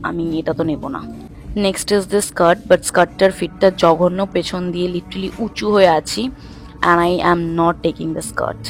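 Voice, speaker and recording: A woman's voice: lowish voice, little pitch movement, measured pace, faint music behind. A young woman chatting casually to her viewers in a vlog, mixing English phrases into her talk while filming on a phone. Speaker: lifestyle vlogger. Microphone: phone camera.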